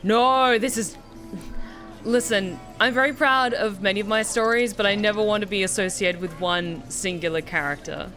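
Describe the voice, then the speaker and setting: A chatty, expressive woman giving casual live commentary as she plays a game. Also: medium pitch, moderate pace. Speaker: game streamer and author. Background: game music.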